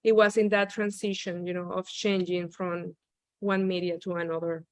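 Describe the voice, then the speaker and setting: This Venezuelan woman, a visiting artist, has a lowish voice with little pitch movement and talks at a normal speed, with no echo. In a casual video call chat, she sounds hesitant, peppering her words with "you know" and "um."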